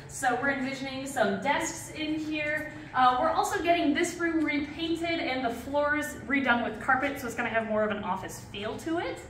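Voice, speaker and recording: A young woman with a high-pitched voice gives an animated, excited vlog tour of a building, projecting to the camera. She moves through a large empty warehouse and bare rooms, and the camera mic, a short distance away, captures echo and noise.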